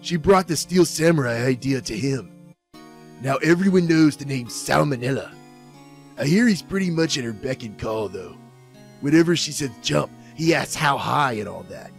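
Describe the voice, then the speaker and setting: In an amateur game fandub, a man plays a gentle, unsure male action-show actor who is meek, earnest and hesitant, with an informative mood. His mid-range voice is creaky and expressive at a moderate pace, with faint music in the background.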